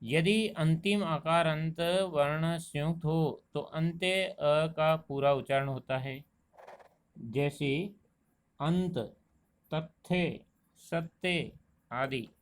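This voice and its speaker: A man teaching a Hindi grammar lesson, explaining pronunciation slowly and deliberately and drawing out each example word. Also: fairly high pitch, clean tone. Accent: Rajasthani Hindi. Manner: slow, deliberate explanation, stretching out example words. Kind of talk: classroom lesson.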